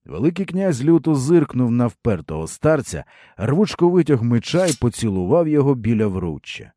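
A man narrating a historical novel as an audiobook in an expressive, measured storytelling manner. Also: mid-range voice, slight background noise.

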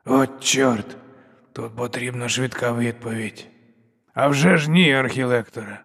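A man's voice: mid-range voice, measured pace, creaky, a bit bright, husky, dry recording, clean studio sound, full character voice. A man voicing a crippled male inquisitor with a wry, sardonic manner.

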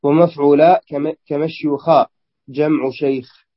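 Man, student reader, careful reading, husky voice, muffled lo-fi recording. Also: fairly high pitch, little pitch movement, normal speed. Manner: careful reading with small slips and restarts. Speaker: student reading the text aloud. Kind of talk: reading a classical text aloud.

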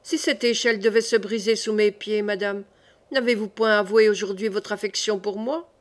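A woman's voice: mid-range voice, steady tone, moderate pace, close to an everyday voice. A bold young nobleman, read by a woman. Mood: gallant. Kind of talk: audiobook reading.

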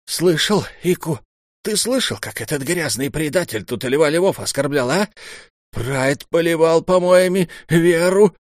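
A man's voice: on the high side, animated, measured pace, no room sound, clean studio sound, voice pushed up. A man voicing a spiteful, scheming old temple mentor who talks in a gloating, venomous hiss.

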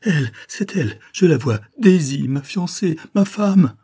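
A man reading aloud voices a flustered, excitable middle-aged detective, exclaiming in a high, strained voice. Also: moderate pace, dry recording, clean studio sound. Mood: despairing. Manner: indignant, exclaiming in high pitch.

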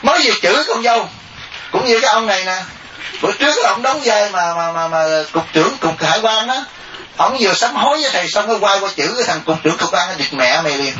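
A monk giving a dharma talk, animated and joking, often mimicking laypeople. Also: male voice, sits high, fast, a little hiss or hum. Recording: distant echoey lo-fi recording.

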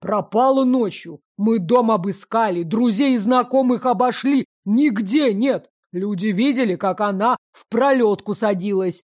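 A woman voicing a burly, angry middle-aged peasant father who bellows slowly and indignantly. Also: fairly high pitch, a little mellow. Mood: aggrieved.

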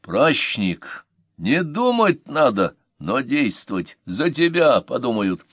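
A man voicing a loyal ancient cavalry commander who speaks in a measured, reflective way, in an audiobook. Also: medium pitch, big pitch swings, a bit bright, dry recording, studio quality, pitched above the performer's own voice, heavily acted. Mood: blunt. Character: thoughtful male cavalry commander, blunt and loyal.

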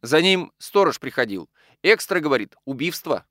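A man voicing a brisk, sensible young housemaid. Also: fairly high pitch, no echo, studio quality, voice pushed up. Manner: pert, lively.

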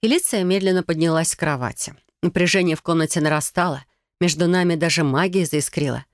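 A woman narrating a first-person story as an audiobook, in a measured, even storytelling manner. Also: fairly low pitch, dry recording, clean studio sound.

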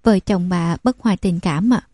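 Cool sharp young noble lady, woman reading her, mellow voice, dry close sound. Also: lowish voice, normal speed, husky, dry recording. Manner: calm, cutting, commanding.

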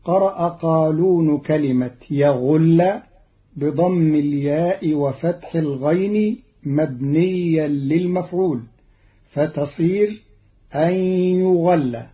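A man delivers a scripted explanation of recitation variants at an unhurried, deliberate pace. His voice sits fairly high for a man. The sound is dull and lo-fi, like an old radio archive. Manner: measured, deliberate, methodical.

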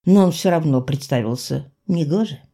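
Mellow-voiced woman narrating a tale. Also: low-pitched. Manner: expressive storytelling, dramatic slowdowns. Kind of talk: audiobook fairy-tale narration.

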